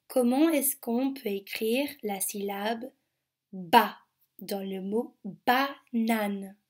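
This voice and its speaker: A woman teaching young children a remote phonics lesson, sounding out each syllable slowly and carefully. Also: on the high side, darkish tone.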